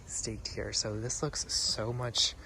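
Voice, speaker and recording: Slow and gravelly, with a mid-range voice and flat delivery, a man leads a casual vlog tour of a client's garden. Despite the flat tone he gushes over the plants, sprinkling in lots of ums, and loud outdoor wind and traffic noise run underneath.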